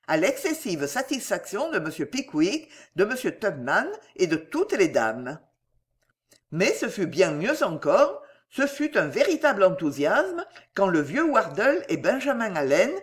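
A woman reading a classic novel aloud as a narrator, in an expressive, measured way. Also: medium pitch. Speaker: audiobook narrator. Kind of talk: scripted narration.

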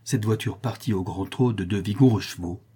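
A man's voice: fairly low pitch, fairly quick, dark tone, slightly rough. A man narrating a classic novel as an audiobook in a dramatic storytelling manner.

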